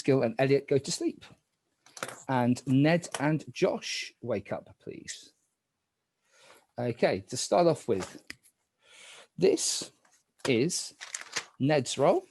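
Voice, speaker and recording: A man's voice: mid-range voice, lively intonation, takes it slowly, long pauses, darkish tone, slight background noise. A man hosting a game casually as moderator, giving instructions to the players.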